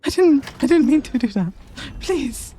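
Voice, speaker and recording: A woman streaming a game playthrough, reacting excitedly, giggling and talking to her viewers. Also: sits high, moderate pace.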